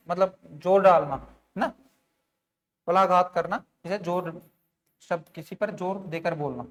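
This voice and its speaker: A man teaching an online grammar lesson, explaining step by step and often putting questions to his students, with frequent fillers. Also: high-pitched. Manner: sprinkles fillers like "theek hai" and "bhai".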